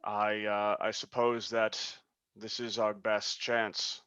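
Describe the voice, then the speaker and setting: A player at a tabletop game, speaking deliberately and partly in character. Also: medium pitch, flat delivery, a bit bright, smooth, muffled recording. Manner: slow, deliberate, half in character. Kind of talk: casual tabletop play.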